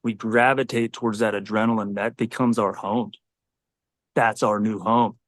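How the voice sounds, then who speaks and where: A man's voice: on the low side, fairly even intonation, normal speed, no echo. Earnest man, dry close sound. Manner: earnest, reflective, heartfelt. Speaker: Navy SEAL guest. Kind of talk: candid podcast conversation.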